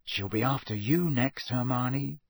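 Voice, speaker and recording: A man's voice: medium pitch, unhurried, slightly rough, dry recording. A man voicing Ron, a cheeky teenage schoolboy who talks in a teasing, sarcastic way in an audiobook reading. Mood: worried.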